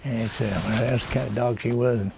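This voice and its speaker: A rambling backwoods man with a drawl, played by a man, his gravelly voice at an everyday pitch. He meanders through a comic outdoor monologue by the water, chuckling to himself. Faint background noise sits under his voice. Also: fairly even intonation, a little fast, close to an everyday voice. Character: rambling rustic backwoods man, folksy and cranky. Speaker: comedy monologue host.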